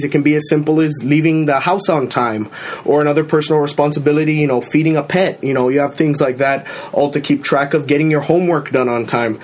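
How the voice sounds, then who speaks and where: A young man, a student guest, explaining his views earnestly in a casual panel discussion. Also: fairly high pitch.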